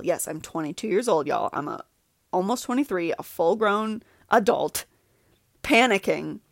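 In a studio-quality recording with no room sound, a thirty-something woman hosts a podcast with a voice on the low side. Her personal, reflective monologue is candid and confessional, punctuated by laughs and repetitions.

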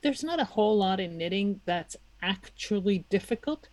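A woman's voice: medium pitch, expressive, normal speed, a little mellow, no echo. A woman, a guest on a podcast, talking in a chatty, self-mocking way and laughing often. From Czech Republic. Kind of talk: casual interview talk.

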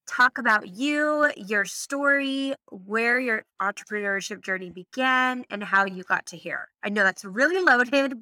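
A woman's voice: medium pitch, pushed and bright, no room sound. A woman hosting a podcast, introducing the show and interviewing in an upbeat style. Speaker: podcast host.

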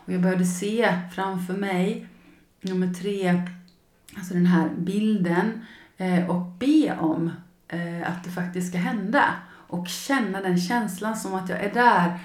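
A woman's voice: medium pitch, a little mellow, reverberant. A woman hosting a personal podcast as a coach, speaking emotionally and acting out her past feelings as she tells a story.

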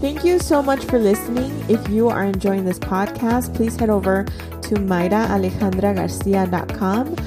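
A woman's voice: medium pitch, moderate pace, music in the background. A woman in her forties hosting a podcast, talking in an earnest, conversational way with many fillers. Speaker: podcast host. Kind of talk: personal podcast monologue.

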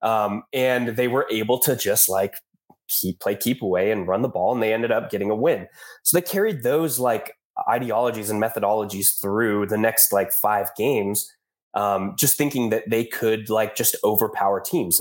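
Stuffed up guy with a cold, lowish voice, casual dude-style sports talk. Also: moderate pace. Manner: informal, says dude and man. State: congested from a cold. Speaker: podcast co-host.

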